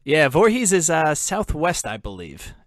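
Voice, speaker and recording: A New Jersey man hosts a podcast, chatting casually with a guest over a call in a laid-back way, laughing often and telling stories packed with fillers. His voice is a little high, with wildly swooping pitch and a slightly slow pace, captured in clean studio quality with no echo.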